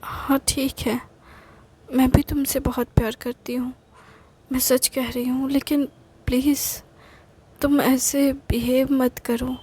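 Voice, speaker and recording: A woman voicing a tender young woman who soothes her partner in a romantic audio story, speaking softly and haltingly. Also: high voice, flat delivery, breathy edge, full character voice. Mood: reassuring. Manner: soft, coaxing, halting.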